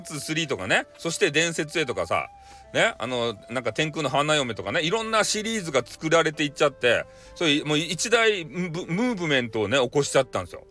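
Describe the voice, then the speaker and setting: Animated man telling a tale in Hakata dialect. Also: fairly high pitch. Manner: playful, rambling, animated. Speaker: storyteller. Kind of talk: casual retelling of a folk tale for bedtime.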